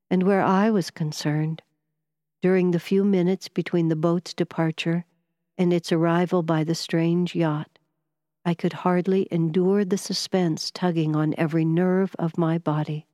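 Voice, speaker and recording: A woman reading a first-person novel aloud in a measured, even storytelling manner. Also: on the low side, dry recording, studio quality, big-room sound. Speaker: audiobook narrator.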